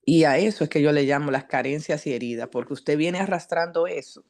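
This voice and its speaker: A woman psychologist giving a teaching talk at a church, addressing the congregation directly and asking them questions in a lively, earnest way. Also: deep voice, brisk. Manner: lively, earnest preaching delivery.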